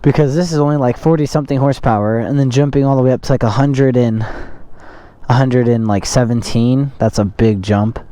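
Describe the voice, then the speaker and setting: A man's voice: medium pitch, fairly quick, no room sound. A young man riding a motorcycle and talking inside his helmet, chatting casually and rambling with lots of fillers. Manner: rambling, filler-heavy, laid-back. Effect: muffled, talking inside a motorcycle helmet. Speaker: motovlogger. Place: outdoors riding a motorcycle on city roads. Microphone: helmet-mounted mic. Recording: loud wind and traffic noise while riding.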